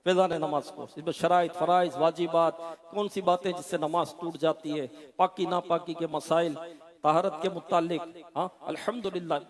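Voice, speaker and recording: High-voiced fervent male preacher. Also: steady tone, normal speed, a crowd in the background. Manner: fervent, swings into chanted singing. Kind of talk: sermon with sung devotional verses. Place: large hall.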